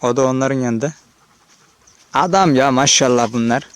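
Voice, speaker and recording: A man's voice: medium pitch, normal speed, smooth. Shepherd vlogger, male, easygoing talk to camera on a hillside. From Turkey. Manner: chatty, addresses viewers directly, calls out to animals. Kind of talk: casual outdoor vlog narration. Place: open hillside pasture outdoors. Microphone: handheld or body-worn camera.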